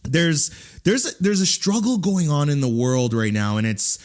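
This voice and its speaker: A man in his thirties hosting a podcast, talking in animated bursts with frequent restarts. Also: fairly high pitch, normal speed. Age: 30s. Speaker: podcast host. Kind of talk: casual interview chat.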